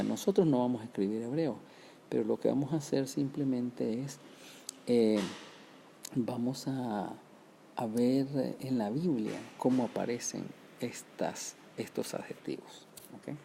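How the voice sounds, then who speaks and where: A man with a dark, gravelly voice teaches a Hebrew grammar lesson. He explains each rule patiently, slows down to sound out words syllable by syllable, and keeps checking in with his listeners. A faint hiss runs behind the recording. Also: medium pitch. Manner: explains step by step, often checks with "¿verdad?" and "¿ok?".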